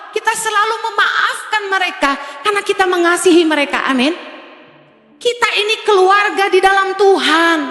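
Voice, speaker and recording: A woman's voice: very high voice, bright, forceful tone. A woman pastor preaching a sermon in a blunt, stern, teasing way, recorded in a church hall. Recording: echoey hall with music behind.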